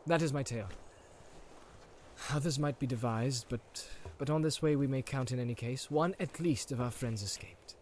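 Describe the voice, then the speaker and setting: A man voicing a steady, grave male ranger leader in a storybook reading, speaking quietly and measuredly. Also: mid-range voice, normal speed, slight background noise, lightly acted. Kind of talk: audiobook reading.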